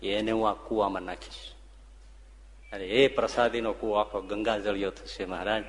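A man's voice: lowish voice, steady tone, moderate pace, a little hiss or hum, natural voice. A man doing an earnest devoted village woman. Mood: pleading. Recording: long hall reverb.

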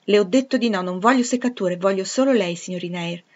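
Woman reading a brusque, commanding gentleman. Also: mid-range voice, fast, lo-fi sound, natural voice. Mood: firm.

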